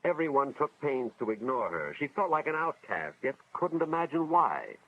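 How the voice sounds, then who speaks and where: An American man, cast as an earnest school official, narrates a 1950s educational film in a dramatic, moralizing storytelling style. His medium-pitched voice moves at a moderate pace with big swings in pitch, and slight background noise accompanies the dull vintage soundtrack and its music.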